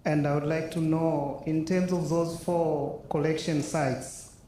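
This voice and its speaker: A man from Tanzania asking a halting, filler-heavy question from the audience at a conference. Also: a little high, little pitch movement, dark tone, slight background noise. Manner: slow, halting, many fillers. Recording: roomy conference hall.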